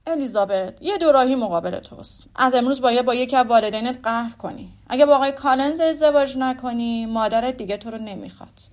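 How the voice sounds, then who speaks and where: A calm, dryly ironic older father, played by a woman reader speaks in measured phrases. He sounds unbothered and amused, and there is a quiet firmness in his voice. It is a storybook character voice. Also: on the high side, close to an everyday voice. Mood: wry. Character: Mr Bennet, wry dry older father. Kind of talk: audiobook character voice.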